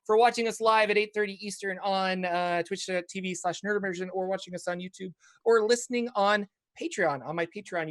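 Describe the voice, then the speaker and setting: A man running a tabletop game as game master, talking in a loose, relaxed way with plenty of fillers. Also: sits high.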